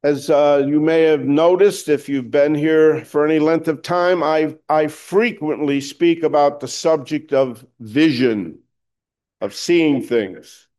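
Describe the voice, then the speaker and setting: Slow, scratchy-voiced male pastor. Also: on the high side, darkish tone. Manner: slow, deliberate, frequent throat clearing. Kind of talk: sermon.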